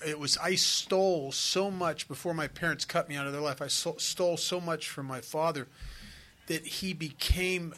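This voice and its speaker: A middle-aged man speaks at a recovery meeting in an earnest, confessional manner, often stopping and restarting his sentences. His voice is bright and forceful, set at an ordinary male pitch. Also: slight background noise. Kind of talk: personal testimony to a meeting.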